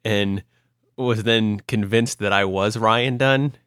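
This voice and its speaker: A man's voice: lowish voice, steady tone, slow pace, a bit bright, clean tone, no room sound, clean studio sound. A young man from Ohio co-hosting a podcast, telling stories in a casual, rambling way with lots of fillers and restarts. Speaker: podcast co-host. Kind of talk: casual chat.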